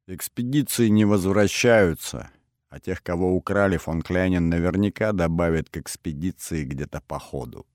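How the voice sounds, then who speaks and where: No-nonsense young woman, curt and sober, read by a deep-voiced man, dry booth sound. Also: moderate pace, a little mellow, no echo, natural voice. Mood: grim, blunt. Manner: curt, matter-of-fact. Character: young woman, blunt and level-headed.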